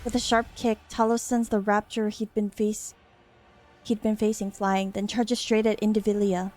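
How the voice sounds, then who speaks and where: A woman's voice: mid-range voice, level tone, moderate pace, darkish tone, soft background music. A woman reading a game's story aloud as dramatic narration.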